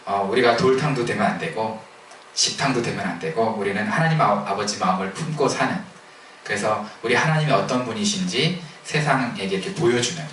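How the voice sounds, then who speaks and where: A man's voice: on the low side, animated, a little fast, fairly bright tone, slight background noise. A man preaching a sermon in a conversational way, putting questions to the congregation. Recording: echoey church hall, distant mic.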